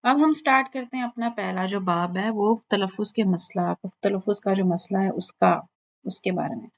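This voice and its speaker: A woman teaches the sounds of Arabic letters in a patient lesson. She sounds out each letter slowly and repeats it, stopping often to check that her students follow. Her voice sits at a middle pitch, and the recording is dull and lo-fi. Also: creaky. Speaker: Quran recitation teacher. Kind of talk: online lesson on letter pronunciation.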